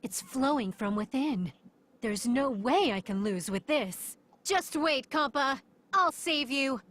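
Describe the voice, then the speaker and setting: Self-assured battle goddess for anime game: high, animated, dramatic, clear noise behind. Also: female voice, takes it slowly, heavily acted. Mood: resolute. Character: transformed female warrior goddess, confident, resolute. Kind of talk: anime-style game voice acting.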